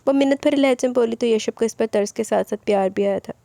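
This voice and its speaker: A woman narrating a romance novel aloud in steady storytelling, giving voice to every character herself. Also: fairly high pitch, fast talker, gravelly, dry recording. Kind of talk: scripted romance novel reading.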